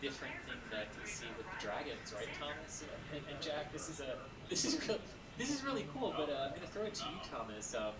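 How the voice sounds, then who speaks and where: Echoey man giving halting live commentary. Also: on the high side, very animated, far from the mic, very noisy. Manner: halting, explanatory. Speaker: launch stream host. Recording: echoey, off-mic live stream.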